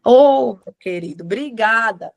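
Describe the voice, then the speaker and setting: A woman teaches a writing class, talking students through the rules in a friendly, chatty way. Her voice sits a little high, and she keeps checking in with the students as she explains. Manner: chatty, addresses students as gente, many tag questions. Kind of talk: live class lecture.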